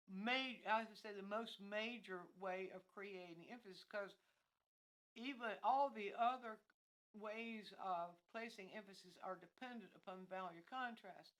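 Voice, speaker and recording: An older woman explains painting ideas on a live art lesson, her voice sitting at a middle pitch. She circles her points, restarting sentences and correcting herself as she thinks aloud. She speaks from outdoors, near fallen leaves. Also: a bit bright, poor audio. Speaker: art instructor. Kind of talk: unscripted livestream art lesson.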